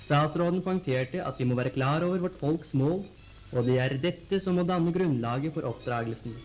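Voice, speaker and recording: A Norwegian man reads scripted 1940s newsreel narration in a formal, measured announcer style on an old film soundtrack. His voice is on the high side and a little mellow, with faint music behind and poor audio quality.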